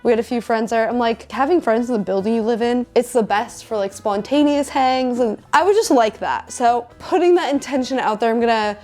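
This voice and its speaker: A woman's voice: fairly high pitch, a little fast, few pauses, darkish tone, soft background music. Chatty upbeat young woman vlogging. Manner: chatty, upbeat, lots of "like" fillers. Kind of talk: casual vlog chat to camera. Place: her apartment, indoors.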